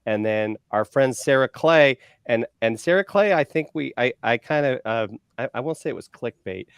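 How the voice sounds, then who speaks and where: A man in his forties co-hosting a casual online show, chatty and upbeat, giving shout-outs with lots of fillers. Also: medium pitch, lively intonation, moderate pace, smooth, no echo. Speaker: co-host.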